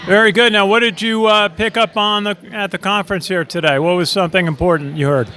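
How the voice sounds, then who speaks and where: A man with a high, bright voice conducts casual interviews at an event. He pauses often with "uh" and answers each reply with quick praise. His delivery is friendly but halting. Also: steady tone. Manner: hesitant, many "uh" fillers, brief praise. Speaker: interviewer and video host.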